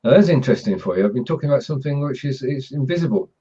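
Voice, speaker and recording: A man with a dark, mellow voice hosts a casual chat. He talks at an average pitch with halting, measured delivery, over a dull lo-fi call connection. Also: expressive, breathy edge. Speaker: host. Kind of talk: casual online chat show hosting. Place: group video call. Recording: dull, lo-fi video call audio.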